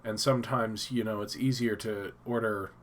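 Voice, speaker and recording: Stuffy-nosed guy chatting on his home stream, loose and rambly, lotta ums, soft room hiss. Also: on the low side, fairly even intonation, normal speed. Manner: rambling, thinking aloud with fillers and restarts. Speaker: live stream host. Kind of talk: casual live-stream chat. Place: home office.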